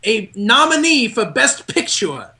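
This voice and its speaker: A man's voice: extremely high pitch, sing-song, a little slow, bright, forceful tone. A man co-hosting a podcast, chatting casually with dry, joking asides. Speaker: podcast co-host. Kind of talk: casual chat.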